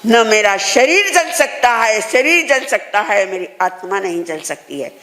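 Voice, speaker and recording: Nun doing a detached ascetic king, slow and steady, firm renunciation, mid-pitched. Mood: calm renunciation. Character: serene king turned ascetic monk, male.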